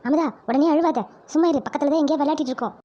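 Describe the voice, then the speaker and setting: A woman voicing a calm, bossy village neighbour in a cartoon family drama, brisk and soothing. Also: high-pitched, muffled recording, lightly acted. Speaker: cartoon voice actor.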